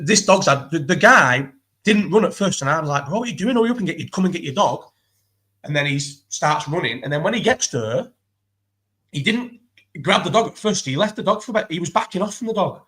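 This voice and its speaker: A man chatting casually as a guest, talking fast in a rambling way, swearing a lot and restarting his sentences. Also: a little high, sharp tone. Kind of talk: casual chat.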